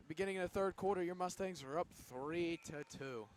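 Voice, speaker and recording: A man's voice: high voice, fairly quick, a little hiss or hum. A young man calling hockey play-by-play for a student broadcast, upbeat and jokey. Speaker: play-by-play announcer. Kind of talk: student sports commentary.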